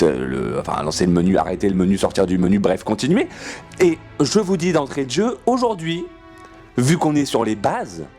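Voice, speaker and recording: Animated, playful male gaming host. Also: a little high. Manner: rambling, swears often, restarts sentences; playful, jokey rants. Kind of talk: casual gameplay commentary.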